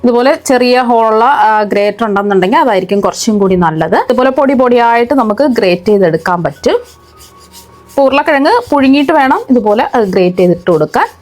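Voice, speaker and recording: A woman hosting a cooking channel, explaining a recipe step by step in a steady voice-over. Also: fairly high pitch, fast, faint music behind.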